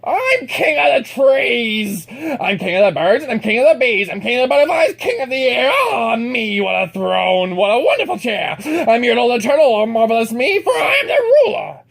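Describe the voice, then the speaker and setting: A boastful turtle king who bellows and gloats over everyone beneath him, as a woman reading aloud puts him on. The voice jumps high and loud with every brag and cracks into a gravelly edge. It stays lively and full of showy swings. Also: moderate pace, full character voice. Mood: gloating.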